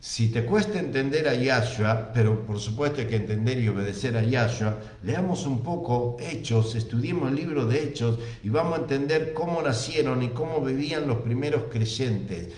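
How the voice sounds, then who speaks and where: A man with an Argentine accent delivers a sermon at a mid-range pitch, moving between scripture readings and emphatic preaching. He drives his points home by repeating phrases. The recording rings with room echo. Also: normal speed, hardly any pauses, darkish tone. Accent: Argentine Spanish.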